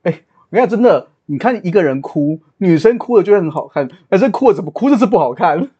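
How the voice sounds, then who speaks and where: A man with a fairly high, husky voice speaks quickly in teasing podcast banter. The sound is a little dull and muffled. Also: expressive, dark tone. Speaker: podcast co-host and friend. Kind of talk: casual chat.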